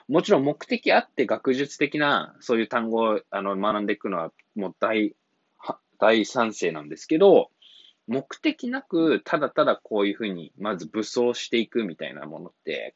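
A man with a fairly low voice hosts an English-coaching podcast, recorded lo-fi with no room sound. Talking solo and casually, he rambles, chuckling and apologizing whenever he loses his thread.

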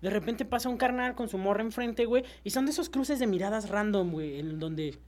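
A young man with a Mexican accent, telling excitable, slangy stories in casual chat. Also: high-pitched, brisk.

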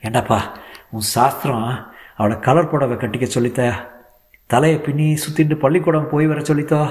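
A man's voice: medium pitch, voice pushed up, natural voice. A man voicing a grieving, defiant old grandmother who pleads and scolds through tears.

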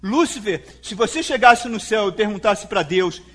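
A man's voice: sits high, lively intonation, moderate pace, a bit bright. A man with a Brazilian Portuguese accent preaching a sermon as a pastor, speaking emphatically to the congregation and acting out quoted dialogue. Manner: acts out quoted speech in dialogue.

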